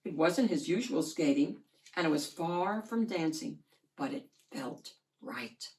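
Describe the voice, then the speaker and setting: This woman's voice sits on the low side as she reads a picture book to children, stretching out words with expressive, deliberate storytelling.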